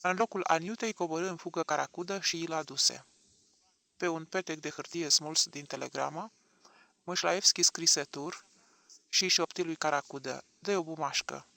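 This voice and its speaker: A man narrating an audiobook with an expressive, dramatic reading. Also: fairly high pitch, creaky, no echo.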